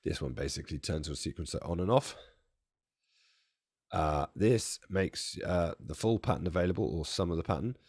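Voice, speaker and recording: A man demonstrating music software from a home studio, his voice strained and close to giving out, chatty and self-deprecating with jokey asides. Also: low-pitched, moderate pace, husky. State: strained, nearly losing his voice. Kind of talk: casual product walkthrough.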